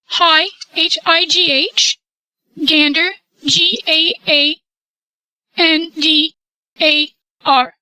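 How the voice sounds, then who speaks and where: Voice-changed woman caller, a man doing it with software: high, slow, calm, dry close recording. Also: no echo, full character voice, rough recording. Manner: calm and cooperative, answers briefly. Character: polite, unhurried adult woman caller. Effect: voice changer software making him sound like a woman. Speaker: prank caller. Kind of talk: prank phone call.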